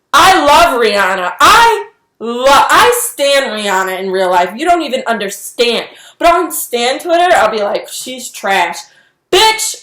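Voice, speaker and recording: A woman's voice: sits high, echoey room. Exasperated young woman ranting in a vlog. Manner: animated, exasperated, heavy use of "like". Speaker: vlogger. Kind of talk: casual vlog rant.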